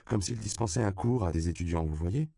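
A man's voice: sits low, a little fast, vocal fry, dark tone, dry recording, studio quality. A man voicing an earnest young woman passenger who pleads insistently.

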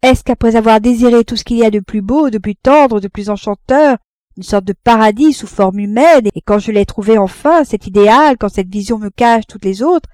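A woman's voice: mid-range voice, animated, normal speed, a little mellow, no room sound, natural voice. A woman voicing a passionate young man who pleads his love in an audiobook reading. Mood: impassioned. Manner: impassioned pleading.

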